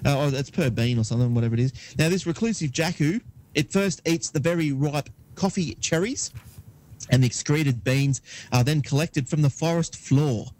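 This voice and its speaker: A man's voice: medium pitch, dark tone. A man co-hosting a casual podcast, reading odd news items aloud with hesitant fillers and frequent laughs. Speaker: podcast co-host.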